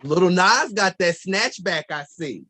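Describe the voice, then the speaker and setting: A man's voice: high voice, animated, slow pace, crowd noise. A man chatting among friends in a sassy, joking way. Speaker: guest. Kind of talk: casual group chat.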